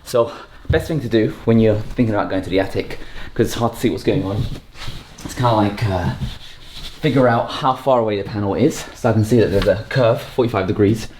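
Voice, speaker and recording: Thinking aloud while he works, a man casually and unscriptedly narrates a hands-on home renovation for his vlog. He has a lowish, slightly mellow voice and speaks a little fast; the home recording is noisy and has clicks.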